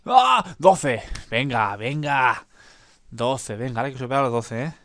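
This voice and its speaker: A man's voice: mid-range voice, fairly even intonation, normal speed, fairly bright tone, a little hiss or hum. A man commenting on a mobile game, cursing when he fails and urging himself on to keep playing. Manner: swears in frustration, urges himself on. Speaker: gameplay commentator. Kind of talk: casual gameplay commentary.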